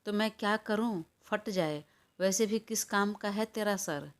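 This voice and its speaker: A woman's voice: mid-range voice, unhurried, voice pushed up, natural voice. A woman voicing a stubborn, defiant young woman. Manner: defiant, quarrelsome. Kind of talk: audiobook character voice.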